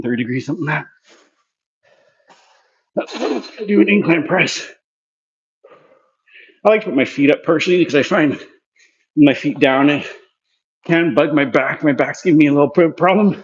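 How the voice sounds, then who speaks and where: A man's voice: medium pitch, dull audio. Winded man talking through a workout. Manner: chatty and loose, talking between sets. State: winded from exercising. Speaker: physiotherapy clinic presenter demonstrating a workout. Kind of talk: casual workout demonstration vlog. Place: gym.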